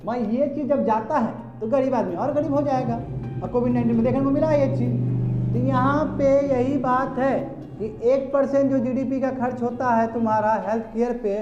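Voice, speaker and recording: A man's voice: very high-pitched, steady tone, moderate pace, darkish tone, soft background music. A man lecturing a class, chatty, calling on students directly and mixing in English terms. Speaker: teacher. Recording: echoey classroom, slightly dull.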